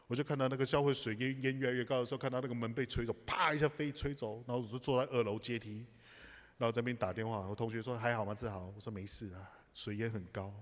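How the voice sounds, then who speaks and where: A man's voice: medium pitch, fairly even intonation, very fast. A man preaching a sermon, telling personal stories with humor and asides to the congregation. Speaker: pastor. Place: church sanctuary. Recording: live church hall reverb.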